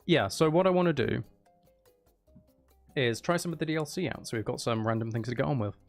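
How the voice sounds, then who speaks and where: His voice is fairly high in pitch yet darkish in tone. The speaker, a game streamer and audiobook narrator, casually chats and rambles self-deprecatingly while commenting on games during a livestream.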